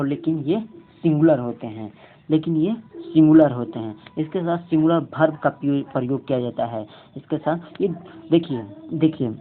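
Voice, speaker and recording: Low-pitched female tutor, patient and slow, repeats words for pupils, thin phone-quality line. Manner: repeats words slowly, drilling pronunciation for children. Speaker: English teacher. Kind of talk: online grammar lesson in Hindi. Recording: lo-fi phone-like audio, faint hum.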